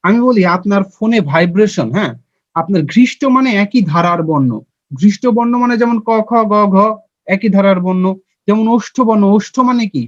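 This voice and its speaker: A young man with a high voice teaches a grammar lesson online. He takes it step by step and quizzes his listeners, then answers himself. The recording is dry and dull, with a lo-fi sound. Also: expressive, brisk, dry recording. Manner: has listeners repeat sounds with him.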